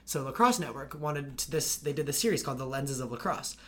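Her deep, raspy voice comes across a bit bright as this young college lacrosse player and video creator rambles quickly through casual podcast talk, constantly using fillers.

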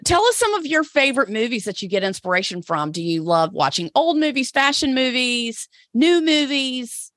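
A woman's voice: high-pitched, sing-song, moderate pace, few pauses, a bit bright, no room sound, studio quality. A woman hosting an interview, gushing and enthusiastic, firing off several questions at a time. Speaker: host, personal stylist. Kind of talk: casual interview.

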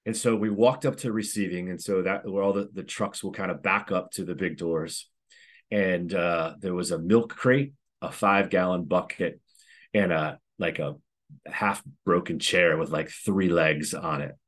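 A man's voice: low voice, a little slow. A middle-aged man, a former school principal, telling a story in a casual way and acting out the voices of the people in it. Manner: animated retelling with quoted voices, many restarts. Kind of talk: conversational storytelling.

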